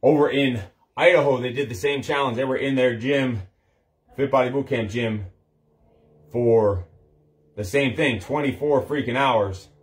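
A personal trainer chats casually to a livestream while doing push-ups, tired from long physical exertion. His mid-range voice is a little slow, with long pauses. He's in a small carpeted home office, picked up by a phone on a stand a step or two away.

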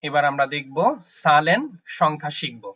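A man's voice: fairly high pitch, steady tone, pushed and bright. Man teaching over a dull lo-fi call. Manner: slow, repetitive drilling of words. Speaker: German language teacher. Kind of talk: online class lesson. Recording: dull lo-fi online call audio.

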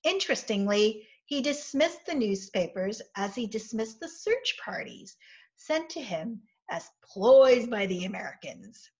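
A middle-aged woman pastor giving a measured, earnest sermon from a small office, recorded on a webcam. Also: a little high, big pitch swings, darkish tone. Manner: measured, earnest reflective preaching. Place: small indoor office with bookshelves. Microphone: webcam, seated facing camera. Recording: dull lo-fi webcam audio.

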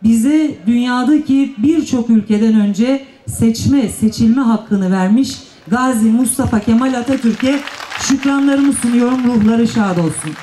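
The fairly high, warm voice of a woman mayor rings out through an echoey public address setup as she makes a formal panel speech at a podium microphone. Her delivery is earnest and emphatic with drawn-out stresses, and a little hiss or hum is audible.

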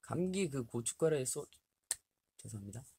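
Animated and mellow, with a mid-range, slightly rough voice at a moderate pace, a young man in his twenties runs a casual livestream for fans. He reads health tips aloud and laughs frequently in a small bare room, heard through a desk-distance webcam.

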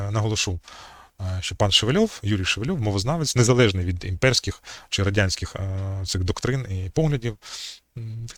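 A man's voice: on the low side, no room sound, studio quality. A man giving an unscripted talk on language history as channel host, hesitating often with fillers and restarts.

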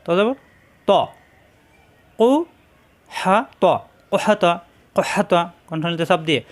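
High-voiced man drilling letter sounds. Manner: repeats syllables slowly, corrects pronunciation. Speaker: Quran reading teacher. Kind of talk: slow drilled lesson.

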